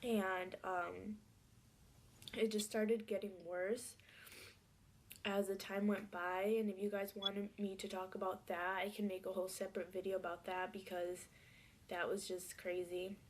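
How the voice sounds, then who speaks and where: A woman tells a personal story a little slowly, her soft, hesitant voice often dropping almost to a whisper. Her pitch stays flat with little rise or fall, and there is slight hiss or hum.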